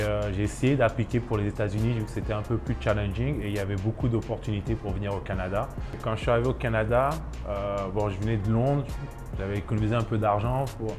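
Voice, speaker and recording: In a documentary interview, a chef and restaurant owner from Ivory Coast, a man in his thirties, speaks with many hesitations and restarts. His voice sits on the low side.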